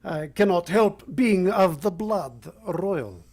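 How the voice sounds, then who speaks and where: A woman playing a courtly, sinister male vampire count in a vintage radio drama, with formal, suave and measured speech. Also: on the low side, animated, a little mellow, breathy edge, exaggerated voice.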